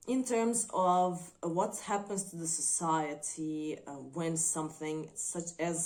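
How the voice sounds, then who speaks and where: A woman talks through a movie review in unscripted commentary. Her voice sits low and she takes her time, weighing her words and pausing often between thoughts. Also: a little mellow. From Croatia. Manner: thoughtful, hesitant, frequent filler pauses.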